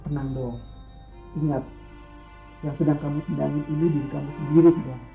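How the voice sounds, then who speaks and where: Patient male religious teacher, fairly high pitch, calm counsel, TV drama, faint music. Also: fairly quick, creaky, highs cut off. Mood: calm admonishing. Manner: calm, admonishing. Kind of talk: television drama acting. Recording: music behind dialogue.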